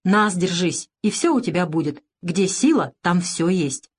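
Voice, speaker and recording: A woman's voice: fairly low pitch, lively intonation, measured pace, slightly rough. A woman voicing a mocking teenage boy who bullies the younger orphans, speaking with a sneer.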